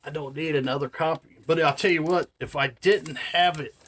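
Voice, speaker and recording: This man, a vlogger in his 40s, has a fairly high, somewhat bright voice and a moderate pace, with a little background noise. His monologue wanders chattily, heavy on fillers like "man" and "you know," and he stresses things with earnest amazement.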